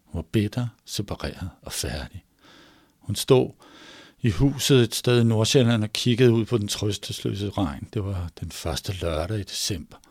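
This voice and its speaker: A man telling a story aloud in a measured, pausing way, moving between hushed and emphatic passages. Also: on the low side, animated, husky. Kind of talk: oral storytelling.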